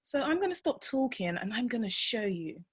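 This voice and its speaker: A woman's voice: a little high, big pitch swings, moderate pace, slightly rough. Woman giving a chatty tourism presentation. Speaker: tourism trade manager. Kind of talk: guest presentation.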